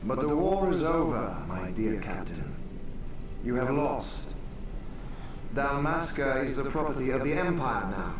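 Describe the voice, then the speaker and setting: A man's voice: mid-range voice, very animated, a little slow. A smug imperial commander taunts his beaten foe in a mock-polite, lilting voice. His words rise and fall freely in a roomy, echoing space. A faint hiss lies underneath. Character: smug imperial male commander, gloating victor. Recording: game audio in a roomy space.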